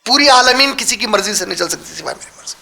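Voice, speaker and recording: High-voiced, bright male teacher quizzing a class. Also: expressive, creaky. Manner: quizzes the audience with quick questions; mixes English words into his talk. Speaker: religious teacher. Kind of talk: interactive Quran lesson lecture. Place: lecture hall with a live audience.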